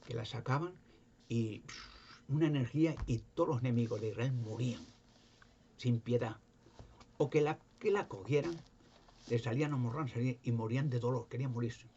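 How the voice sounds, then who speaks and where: This warm, medium-pitched male preacher talks at a moderate pace with long pauses, reading Bible verses and unpacking them through emphatic rhetorical questions. It's an informal religious video captured as a dull lo-fi home recording with faint noise.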